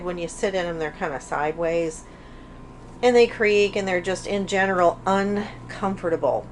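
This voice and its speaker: A woman's voice: lowish voice, poor audio. A woman giving a casual vlog narration, recorded inside a small RV trailer. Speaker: vlogger. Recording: clear background noise, small RV interior.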